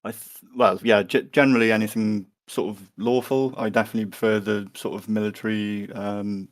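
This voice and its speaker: A man speaks as a guest on a podcast, low-pitched and hesitant. He halts often and restarts his sentences. His delivery stays flat and level. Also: a little fast. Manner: hesitant, lots of fillers and restarts. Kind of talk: podcast interview answers.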